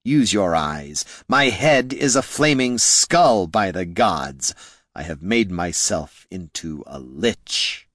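Guy doing a sneering undead lich wizard, hollow voice, drags every word out, super low, dry sound. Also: lively intonation, a bit bright, dry recording, exaggerated voice. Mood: scornful. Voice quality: hollow, slow and drawn-out. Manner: condescending, dryly mocking. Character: undead male lich wizard, scornful and arrogant.

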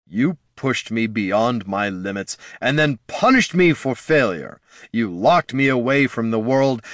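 A man voicing a young male wizard who rages at his father in a raised, pitched-up voice. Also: dry recording, studio quality. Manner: shouting in anger, then hushed.

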